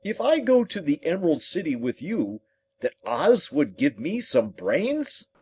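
A man voicing a friendly, brainless straw-stuffed scarecrow from a storybook, with a husky voice and a polite, earnest manner. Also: big pitch swings, a little slow, darkish tone, exaggerated voice. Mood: sad, hopeful. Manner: polite, earnest, wide swoops in pitch. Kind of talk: storybook character voice.

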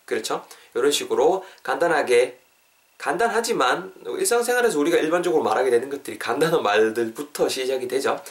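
A man hosting a casual English lesson podcast, lively and playful, acting out little everyday scenes. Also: medium pitch, brisk. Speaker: English teacher and podcast host. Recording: voice a bit far from the mic.

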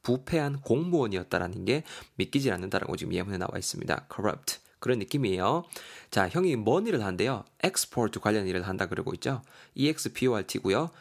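Male lesson host, Gyeongsang accent, lower voice with a lively, swinging delivery. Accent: Gyeongsang Korean. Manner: animated, explanatory. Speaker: English teacher host. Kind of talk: podcast vocabulary lesson.

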